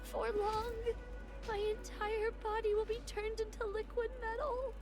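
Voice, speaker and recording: A woman voicing a young female mermaid android in a game, soft and earnest, strained as her strength fails. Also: extremely high pitch, flat delivery, measured pace. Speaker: game character voice. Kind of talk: voiced game dialogue. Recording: game audio with music behind. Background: background music.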